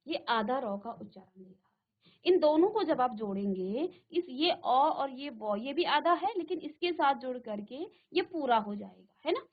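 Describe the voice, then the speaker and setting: A woman's voice: high-pitched, animated, normal speed, narrow, tinny audio. A woman teacher giving a classroom grammar lesson, repeating terms and asking the class questions, in a virtual classroom studio.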